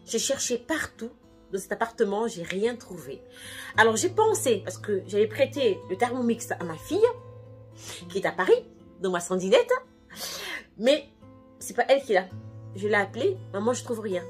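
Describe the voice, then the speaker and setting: A woman's voice: mid-range voice, lively intonation, normal speed, long pauses, darkish tone, faint music behind. A middle-aged woman chatting casually and bubbly as a cooking vlogger, laughing often. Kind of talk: casual vlog chat.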